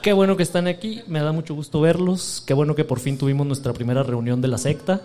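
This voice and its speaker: A man with a Mexican accent co-hosting a podcast, teasing the others with quick comebacks. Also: a little high, steady tone, warm tone. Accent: Mexican Spanish. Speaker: podcast co-host. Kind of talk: casual podcast banter. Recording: noticeable background noise.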